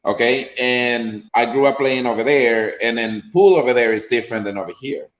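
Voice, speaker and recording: Man, Honduran accent, rambling casual talk, lots of fillers, mid-pitched, echoey room. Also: moderate pace. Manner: rambling, full of fillers and restarts. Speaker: player's father.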